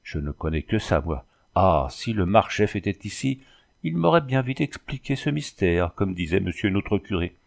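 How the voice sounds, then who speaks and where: A man's voice: sits low, sing-song, normal speed, gravelly, exaggerated voice. A man reading an audiobook, voicing a talkative former cavalryman who is exclamatory and endlessly apologetic. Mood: puzzled. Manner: chatty, overly polite, exclamatory. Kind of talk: audiobook character voice.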